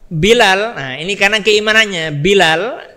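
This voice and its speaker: An Islamic preacher delivers a storytelling sermon to a live congregation, emphatic, repeating phrases and posing questions to his listeners. His voice sits high with a sharp tone at a moderate pace, and the recording carries a long hall reverb.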